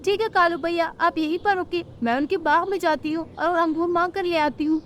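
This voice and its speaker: A woman's voice: very high voice, fairly even intonation, fairly quick, fairly bright tone, slight background noise. A woman voicing a small, honest female sparrow in a cartoon story, who speaks in a polite, pleading way.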